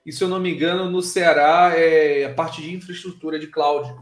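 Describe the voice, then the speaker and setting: A higher-pitched man from Bahia hosts a live online chat, speaking. He talks in a relaxed, informal way, with plenty of filler words. His voice carries a noticeable room echo. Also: moderate pace. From Bahia, Brazil. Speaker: live show host. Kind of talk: casual live interview.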